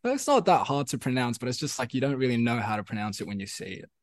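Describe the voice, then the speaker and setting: This young South African guest musician speaks quickly in a mid-range voice with big pitch swings, recorded in a clean studio with no room sound. A native Afrikaans speaker, he talks English in a South African accent during a casual interview, wandering, repeating things, and filling gaps with fillers.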